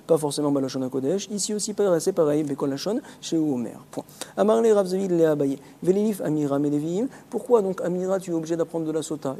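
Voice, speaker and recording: A man with a French accent teaching a word-by-word Talmud lesson, explaining the text quickly and mixing in Hebrew and Aramaic terms. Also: a little high, dark tone, big-room sound.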